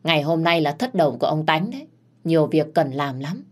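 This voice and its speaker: A woman's voice: low-pitched, animated, fairly quick, a little mellow. A woman voicing a bossy middle-aged head servant who barks curt orders. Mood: scolding.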